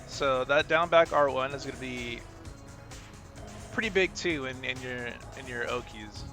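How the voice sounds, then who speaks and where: Over loud fighting game music and battle sounds, a man analyzes a match replay for his gaming video in a mid-range voice at a measured pace. His coaching is informal and unscripted, hesitant as he thinks aloud, and he repeats himself.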